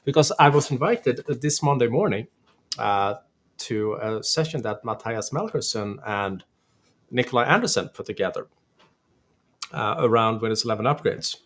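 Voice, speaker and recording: A man's voice: mid-range voice, normal speed, fairly bright tone. A man giving a casual, informal technical explanation on a live stream. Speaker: tech presenter on a live stream. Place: live stream during a thunderstorm. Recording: clearly noisy live-stream connection.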